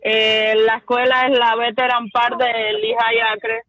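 A woman's voice: fairly high pitch, little pitch movement, measured pace, a bit bright, no echo, low-quality recording. A woman calling in to a radio show, talking emphatically and repeating words for stress. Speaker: caller. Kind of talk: phone-in chat on a radio show.

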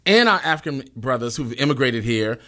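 Halting male host with a bright, forceful tone. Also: medium pitch, animated. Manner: halting, searching for words. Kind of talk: conversational discussion.

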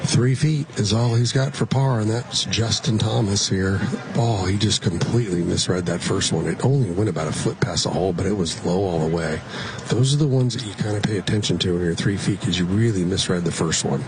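Low-voiced male golf commentator on the course. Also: a little fast, noisy background. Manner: colloquial play-by-play. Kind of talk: live golf commentary, shot by shot.

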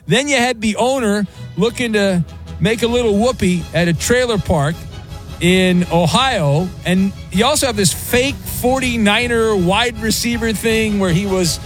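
A man hosting late-night sports talk radio with a smooth radio host delivery, joking quickly with callers. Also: sits high, faint music behind. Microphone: studio microphone.

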